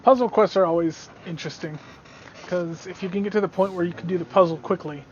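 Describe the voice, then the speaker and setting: A man chats his way through a game stream in a fairly high voice, tossing off self-mocking asides. The desk-mic audio is dull and lo-fi, with a faint hiss behind. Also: fast. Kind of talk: casual gameplay commentary.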